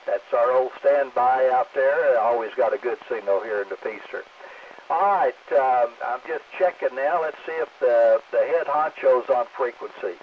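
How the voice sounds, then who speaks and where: A man's voice: mid-range voice, normal speed. A man runs a ham radio net in an easygoing way full of fillers. His voice comes through as a radio transmission with static, thin and phone-like. He sounds far off, under a faint hiss. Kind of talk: amateur radio net check-ins.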